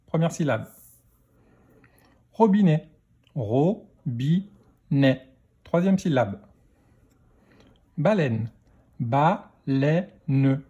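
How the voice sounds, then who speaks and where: A man leads a children's reading lesson at a very slow, careful pace, breaking every word into letters and syllables. His voice sits a little high for a man. It has a mellow, dark tone with a slightly husky grain. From France. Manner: slow, spelling out sounds letter by letter. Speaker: teacher.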